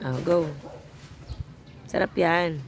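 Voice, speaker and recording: A woman's voice: lowish voice, takes it slowly, gravelly, crowd noise. A woman with a Filipino accent chats casually at home in mixed Tagalog and English, teasing and coaxing like a parent. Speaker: parent filming a child's taste challenge.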